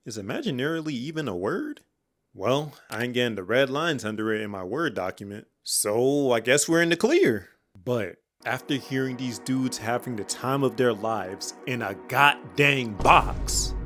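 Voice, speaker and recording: A man's voice: medium pitch, a bit bright. A man giving comedic commentary on cartoon episodes, joking and ranting in slangy speech. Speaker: cartoon reviewer.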